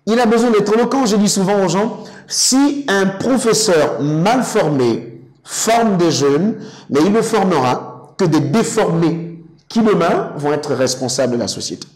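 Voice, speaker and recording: In an explanatory, didactic studio interview, a public speaking coach appears as the guest, a man whose first language is African. His higher-pitched voice is expressive and a little mellow, and he speaks emphatically and rhetorically with deliberate articulation. The recording is rough.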